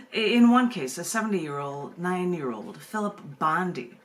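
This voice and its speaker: On a video call open mic, a woman with a fairly low pitch and a fairly bright tone serves as host and reads her poetry aloud. She switches between relaxed talk and narrative reading, with noisy room sound in the background.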